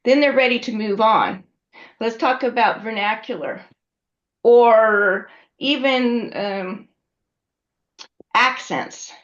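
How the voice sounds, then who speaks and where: Slow and a little high, with long pauses, this woman's voice carries a conversational classroom lecture. As the instructor, she keeps checking in with her students, and the lo-fi recording sounds dull.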